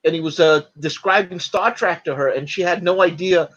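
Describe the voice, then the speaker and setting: A man chatting as a podcast guest, retelling stories in a halting way, full of fillers and restarts. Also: on the high side, fairly bright tone, muffled recording. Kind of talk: casual podcast chat.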